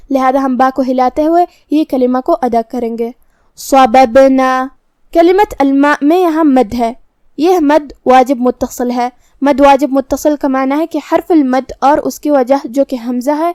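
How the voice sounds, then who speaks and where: A woman with a Pakistani Urdu accent teaching recitation rules methodically, explaining each letter's articulation and then chanting the words slowly and drawn out. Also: sits high, darkish tone, dry recording, studio quality. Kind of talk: tajweed lesson with slow chanted recitation.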